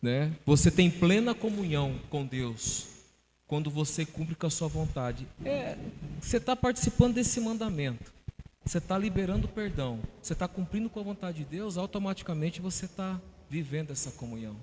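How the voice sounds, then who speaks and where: Pastor, a man with a fairly high voice, teaching with questions in a church hall with long reverb. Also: expressive, normal speed, a little mellow, slight background noise. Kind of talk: explaining scripture in a church podcast.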